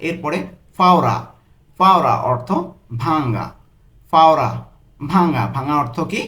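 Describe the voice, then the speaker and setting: Guy tutoring vocab, slow and drawn out, says every word twice, kinda high voice, echoey room. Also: expressive, a bit bright. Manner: slow, drawn-out repetition of each foreign word. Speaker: language tutor. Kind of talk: vocabulary lesson, word and meaning repeated.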